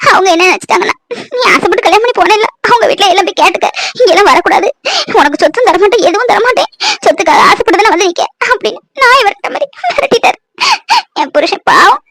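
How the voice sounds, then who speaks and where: A woman's voice: very high voice, very fast, fairly bright tone, no echo. A woman voicing a struggling young mother in a cartoon, pleading through sobs, with speech. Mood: tearful. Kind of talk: cartoon voice acting.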